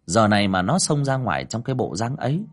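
A man's voice: lowish voice, sing-song, fast. A man narrating a ghost story expressively.

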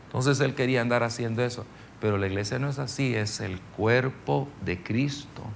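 Man, middle-aged pastor, gravelly voice, folksy sermon teaching, keeps asking the room if they follow, faint noise behind. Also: mid-range voice, moderate pace. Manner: folksy, anecdotal, keeps checking in with listeners. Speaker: pastor teaching a ministry seminar.

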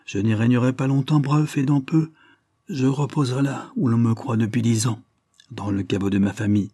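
A man voicing a grave, commanding aristocratic lord near death, who speaks in a measured, solemn way. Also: mid-range voice, fairly even intonation, mellow, husky, no room sound, clean studio sound, lightly acted.

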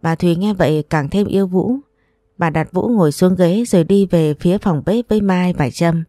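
A woman, narrating a family story in a calm, even reading. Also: on the low side, moderate pace, no echo, studio quality. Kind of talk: scripted narration.

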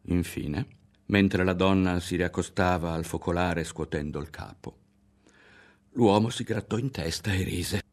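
A man giving a literary audiobook narration in a measured, dramatic reading. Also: low voice. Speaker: audiobook reader.

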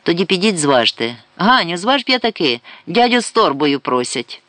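Guy doing a sly young cashier girl, higher voice, teasing questions. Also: very animated, moderate pace, sharp tone, no echo.

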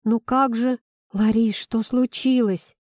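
A worried young woman on the verge of tears, begging her best friend to stay, as a woman narrator voices her. Her lines sit a little higher and come slower than the narration, in a mellow, soft tone. The sound is dry and close. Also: fairly even intonation, no echo. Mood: uneasy, pleading. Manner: pleading, near tears.

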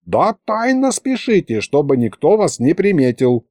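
A man voicing a calm, crafty old grandfather who drawls in folksy speech. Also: a little high, a little slow, dry recording, voice pushed up.

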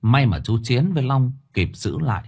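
A man narrating a story in the first person, lively and expressive. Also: medium pitch, moderate pace, vocal fry, slightly rough.

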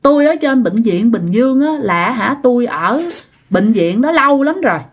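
A woman's voice: on the high side, expressive, moderate pace, breathy edge. A woman with a Southern Vietnamese accent voicing the male spirit of an unborn child, talking in a plaintive, repetitive, resentful way.

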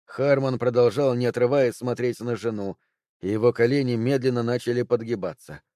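A man reading a thriller audiobook aloud with steady, tense storytelling. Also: medium pitch, no room sound, studio quality. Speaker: audiobook narrator. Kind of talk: scripted thriller narration.

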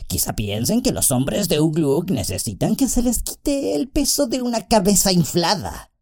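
A man voicing a sly, malevolent male orc messenger in an audiobook, his voice softer and sweeter than the others, sneering and mocking. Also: high-pitched, sing-song, normal speed, pitched above the performer's own voice, heavily acted. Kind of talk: audiobook character voice.

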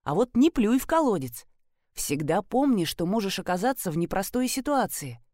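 A woman reads a first-person detective story aloud in a lively way, with wry asides. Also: medium pitch, normal speed, dry recording, studio quality. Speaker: audiobook narrator. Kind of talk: scripted first-person narration.

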